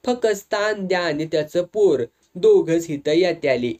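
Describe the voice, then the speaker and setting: Shrill, quavering, indignant old village granny, a man doing the voice, speech. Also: animated, a little slow, a little mellow.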